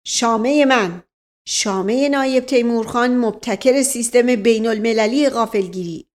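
A woman doing a shouting bully inspector. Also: fairly high pitch, lightly acted. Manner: barks short commands, shouting. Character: blustering bullying male police inspector.

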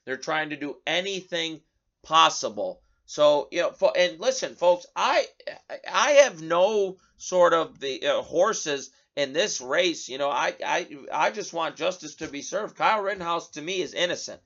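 A man's voice: a little high, expressive, measured pace, a bit bright, muffled recording. A male talk show host giving an indignant, sarcastic political commentary monologue, often restarting his words.

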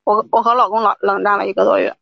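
A woman's voice: mid-range voice, level tone, quick pace, creaky, no room sound, lo-fi sound. A woman caller on a livestream advice show, insistently complaining that she was not respected, often repeating herself.

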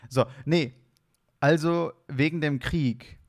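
A man's voice: on the high side, takes it slowly. A young man from Hesse, chatting casually as a podcast co-host, playful and laughing, often restarting his sentences. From Hesse, Germany. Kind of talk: casual chat.

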